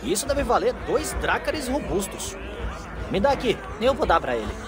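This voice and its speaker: A man's voice: high voice, very animated, moderate pace, loud music behind the voice. A man with a Brazilian accent voicing a brash, teasing young viking in a dubbed video game. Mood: teasing, cocky.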